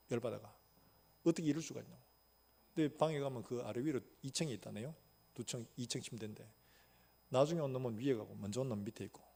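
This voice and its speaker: A man's voice: mid-range voice, creaky, warm tone, husky. A male pastor preaching a sermon, telling a story animatedly and acting out the dialogue. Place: church sanctuary.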